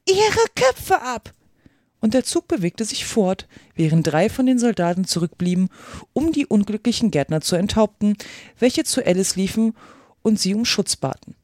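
A woman reads a classic storybook aloud for her podcast in a steady, expressive voice of medium pitch. The recording is dry and close. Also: moderate pace, no echo. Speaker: podcast host reading aloud.

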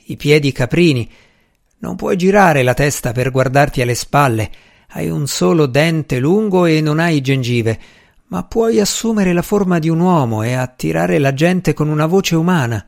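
A man voicing a mad, unkempt male magician who speaks in a slow, hushed, menacing whisper. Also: a little high, creaky.

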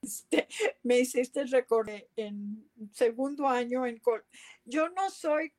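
A woman from Rica, a guest speaking in a measured, thoughtful way in a casual chat. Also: a little high, darkish tone. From Costa Rica.

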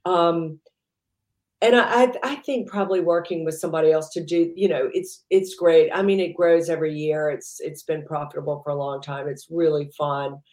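A woman's voice: low-pitched, steady tone, moderate pace, darkish tone, reverberant. A woman entrepreneur being interviewed, chatting casually and rambling with lots of "you know" fillers. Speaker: entrepreneur guest.

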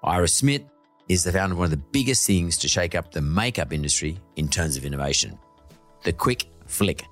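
Deep-voiced male podcast host. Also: lively intonation, brisk, fairly bright tone, soft background music. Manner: probing, asks follow-up questions. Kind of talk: interview podcast.

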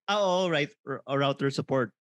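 A Filipino man co-hosting a podcast, laughing a lot and swearing as he throws in quick comebacks. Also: medium pitch, a bit bright, no room sound. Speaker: podcast co-host. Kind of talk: casual joking chat.

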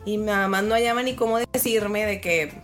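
A woman in her thirties with a Mexican accent, chatting casually as podcast co-host and telling an animated story, swearing freely and acting out quotes. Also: mid-range voice, fairly quick. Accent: Mexican Spanish.

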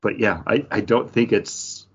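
This podcast co-host has a lowish, fairly bright voice with a breathy edge, and he speaks a little slowly. Chatting casually about a book, he wanders through his views and performs made-up quotes, all captured in dull, lo-fi sound.

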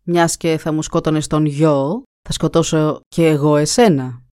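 A woman's voice: low voice, fairly even intonation, mellow, clean tone, no room sound, studio quality, close to an everyday voice. A woman voicing a stern old king. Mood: reproachful. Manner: commanding, reproachful. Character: stern older male king. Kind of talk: storybook reading.

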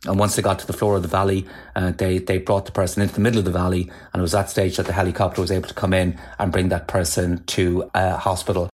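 A man with a lowish voice and a west of Ireland accent talks as an interview guest. He explains in a measured, discursive way, conversational and anecdotal. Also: flat delivery, darkish tone. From Galway, west of Ireland.

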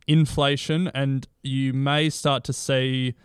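A man's voice: mid-range voice, little pitch movement, takes it slowly, clean tone, dry recording. A man co-hosting an investing podcast, talking from under a blanket at home with dry, joking asides. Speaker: podcast co-host. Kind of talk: casual investing chat.

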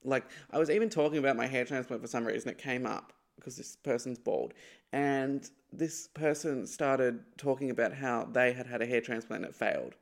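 A man's voice: mid-range voice, normal speed, gravelly. A young man with a lisp, hosting a casual solo podcast and telling a gossipy story with laughing asides. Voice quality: lispy. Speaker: podcast host.

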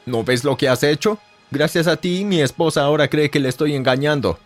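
A man's voice: on the high side, a little fast, lightly acted. A man voicing middle-aged dad, firm, reproachful, storybook reading, light music under. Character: indulgent father who turns stern, middle-aged man.

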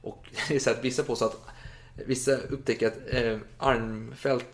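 A man casually retelling a historical story in a podcast chat, with lively retold quotes. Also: mid-range voice. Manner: animated retelling with acted quotes and laughs.

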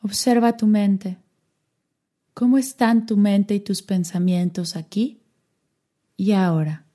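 A woman guides a meditation in an unhurried, soft-spoken voice, leaving long pauses between each cue. Her tone is mellow and relaxed, never bright. She speaks at a very slow pace. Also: medium pitch.

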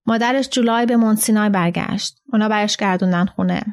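A woman reading the lines of a calm, measured old man in a storybook reading. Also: medium pitch, natural voice.

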